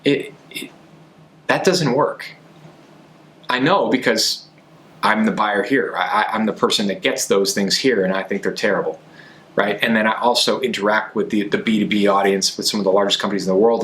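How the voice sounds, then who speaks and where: A man's voice: fairly low pitch, fairly even intonation, normal speed, a bit bright. Emphatic man giving conversational sales advice. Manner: emphatic, repeats key phrases for stress. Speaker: podcast host and sales coach.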